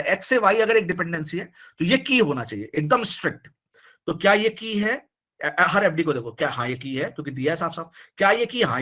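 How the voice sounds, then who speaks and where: High-voiced, animated male teacher. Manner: animated, repeats himself, keeps urging students to reply. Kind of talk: live online class lecture.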